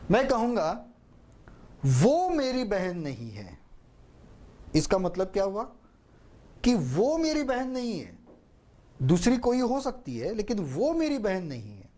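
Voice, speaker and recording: A man gives a spoken lesson as a public speaking trainer. His fairly high voice moves through a wide, animated range, and he talks at an unhurried, measured pace while he demonstrates word stress. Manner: slow, deliberate, demonstrates stress on words. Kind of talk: spoken lesson on speech emphasis.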